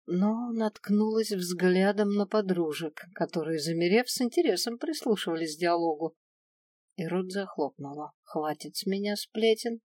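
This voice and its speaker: A woman narrating a first-person fantasy romance audiobook in a steady, expressive reading. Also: fairly low pitch, normal speed, no room sound, clean studio sound, far from the mic.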